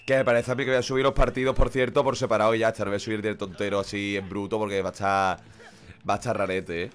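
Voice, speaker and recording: A man's voice: on the low side, fast talker. A man with a cold, streaming a football game live and swearing at the play. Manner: excitable, swears constantly, shouts at the game. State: sick with a runny nose. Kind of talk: live gaming stream commentary.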